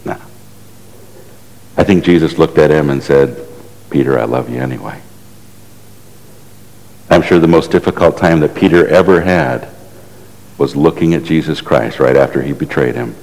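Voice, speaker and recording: Deep-voiced preacher in an echoey hall. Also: male voice, animated, moderate pace, vocal fry, darkish tone. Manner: conversational storytelling, rhetorical questions to the congregation. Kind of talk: sermon.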